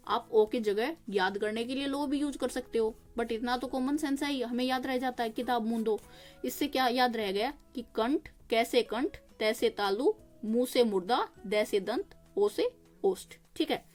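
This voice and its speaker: A young woman teaching exam-prep grammar, explaining patiently, asking and answering her own questions and slowly sounding out each consonant. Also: on the high side, darkish tone, faint music behind.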